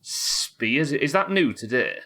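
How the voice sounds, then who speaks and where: Sniffly from a head cold, a male gamer streams live and chats with viewers and his in-game pets while thinking out loud about his play. He speaks slowly in a mid-range voice with big pitch swings, sounding pushed and bright.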